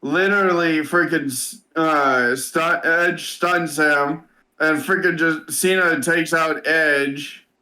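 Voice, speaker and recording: A man casually recapping a wrestling match, halting with many fillers and swearing often. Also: fairly high pitch, fairly even intonation, bright, forceful tone, low-quality recording. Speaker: wrestling reviewer. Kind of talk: casual podcast chat.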